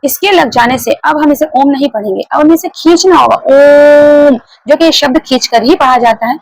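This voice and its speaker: Female teacher, fairly high gravelly voice, patient explainer, dry close mic. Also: brisk, dry recording, low-quality recording. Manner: explains step by step, repeats key points, asks the class questions. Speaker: Hindi grammar teacher. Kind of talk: classroom lecture.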